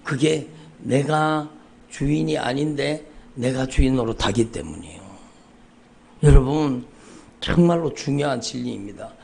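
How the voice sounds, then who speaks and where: A man preaching a sermon as pastor, repeating his phrases and rising to loud, fervent outbursts. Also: mid-range voice, measured pace, gravelly, long pauses. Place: church sanctuary.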